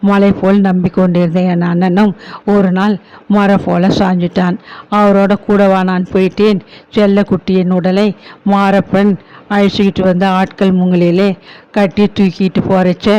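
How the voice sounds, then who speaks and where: A grieving older widowed aunt, patient and consoling, read by a man. The voice sits high but moves little in pitch. The recording is dull and lo-fi. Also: level tone, normal speed, a little mellow, close to an everyday voice. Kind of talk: audiobook story reading.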